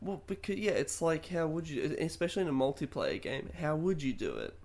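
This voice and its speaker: A man's voice: a little high, big pitch swings, a little fast, a little mellow. A man co-hosting a casual podcast chat, rambling and laughing often as he trails off mid-thought. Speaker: podcast co-host. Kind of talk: casual chat about games and films.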